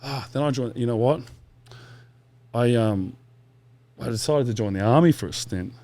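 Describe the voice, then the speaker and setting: A man's voice: medium pitch, normal speed, dark tone. A man, a podcast guest telling long stories in a casual, rambling way with quoted asides and swearing. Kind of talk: casual interview chat.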